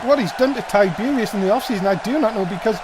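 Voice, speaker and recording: High-pitched, excited male wrestling commentator. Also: fast, background noise. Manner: dramatic, exclamatory calls.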